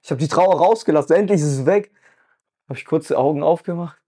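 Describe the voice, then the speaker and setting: A man talks through a personal experience in a casual, earnest way, often checking in with his listener. His voice sits a little high but sounds dark and mellow, with a husky edge. He speaks as a podcast host sharing something that moved him. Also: fast. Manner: earnest, emotional, full of "weißt du" fillers.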